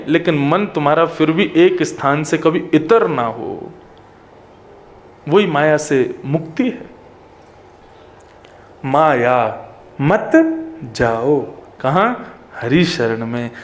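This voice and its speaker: A man with a high voice delivers a devotional sermon at an unhurried pace. He leans hard on key words, lifting some phrases up high and letting others sink low and quiet. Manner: slow, emphatic, wide swings between raised and dropped phrases. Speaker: preacher. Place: religious gathering at a pilgrimage site.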